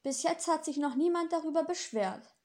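A woman voicing a gentle, well-meaning male angel in an audiobook, earnest and primly polite. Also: high-pitched, normal speed, pitched above the performer's own voice, natural voice. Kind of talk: audiobook character reading.

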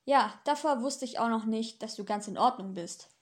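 A woman's voice: on the high side, normal speed, natural voice. Storybook demon, male, dry and sneering, as a woman reader voices him. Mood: mocking. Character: sarcastic mocking male demon, grinning. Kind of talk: audiobook dialogue.

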